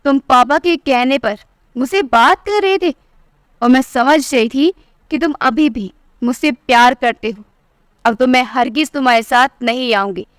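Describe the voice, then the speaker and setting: A proud, defiant young wife with a sharp, cutting way of speaking, as a woman storyteller puts her on. The voice sits high and sounds smooth and clear. It is recorded dry and close. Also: measured pace, no room sound. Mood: angry. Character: proud angry young married daughter. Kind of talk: storybook narration.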